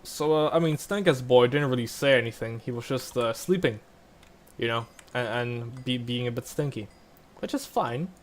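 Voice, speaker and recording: A man's voice: medium pitch, moderate pace. Rambling young gaming vlogger, man. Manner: rambling, full of likes and restarts. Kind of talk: casual gameplay commentary.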